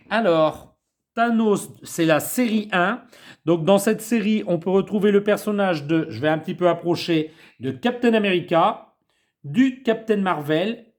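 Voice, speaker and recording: A man chatting casually as he unboxes a collectible figure, rambling with many fillers. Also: sits high. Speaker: toy collector vlogger.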